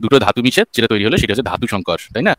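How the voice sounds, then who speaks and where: Fast-talking man lecturing a caller. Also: on the low side, lively intonation, a bit bright, dry recording. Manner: lecturing, argumentative, piles up examples and rhetorical questions. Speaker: host answering a caller. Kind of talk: call-in religious debate.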